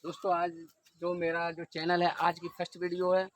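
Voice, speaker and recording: A man's voice: high-pitched, monotone, moderate pace, no echo. A man teaching an exam-prep lesson who asks questions and answers them himself, stretching words out to show calling someone. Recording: outdoor noise with birdsong.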